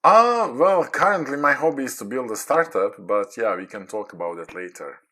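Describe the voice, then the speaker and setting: A man in his forties from Croatia, chatting casually as a podcast guest in halting English with many fillers. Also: mid-range voice, animated, pushed and bright. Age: 40s. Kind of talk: casual chat.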